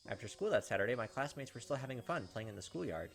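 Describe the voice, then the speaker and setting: A male gaming channel host reads a visual novel's narration during a playthrough, adding short asides. He has a creaky mid-range voice and speaks fast and animatedly, with the game's music playing underneath.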